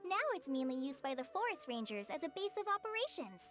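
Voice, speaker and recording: A woman's voice: high voice, sing-song, quick pace, fairly bright tone, soft background music. A woman voicing a young female trainee forest ranger in a game, modest and reassuring. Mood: gentle.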